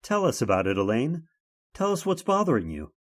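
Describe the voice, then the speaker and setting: A man playing a concerned, steady young hero in old-time radio horror, speaking in an earnest, dramatic way. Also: mid-range voice, brisk. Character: David, concerned, steady boyfriend and haunted narrator.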